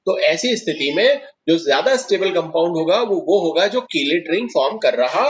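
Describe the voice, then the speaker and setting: A man's voice: on the high side, expressive, normal speed, dull audio. A man teaching chemistry in a classroom lecture, explaining step by step and putting questions to his students.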